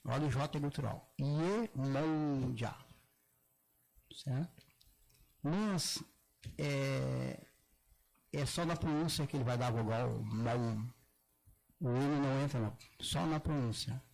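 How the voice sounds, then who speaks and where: Gravelly older man, halting talk. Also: mid-range voice, a little mellow, low-quality recording. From southern Brazil. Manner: halting, many restarts, drawn-out demonstrated words. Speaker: Afro-Brazilian religious elder speaking at a gathering. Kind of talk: public talk, explaining pronunciation.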